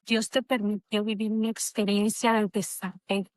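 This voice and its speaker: A woman's voice: medium pitch, flat delivery, normal speed, no room sound. A middle-aged woman, an interview guest, telling a personal story in a reflective, emotional way. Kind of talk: conversational interview.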